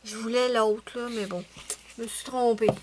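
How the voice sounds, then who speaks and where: Chatty Québécoise woman, high voice. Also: fairly even intonation, moderate pace, a little mellow, a little hiss or hum. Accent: Québécois French. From Quebec, Canada. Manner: rambling, chatty, many hesitations and self-corrections. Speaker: adult coloring YouTuber. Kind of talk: casual chat showing finished coloring pages.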